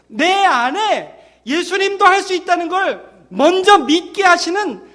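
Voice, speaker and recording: High-voiced male pastor preaching. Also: very animated, measured pace, a bit bright. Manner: conversational, acts out biblical scenes in voices; drops to near-whispers for emphasis. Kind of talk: sermon.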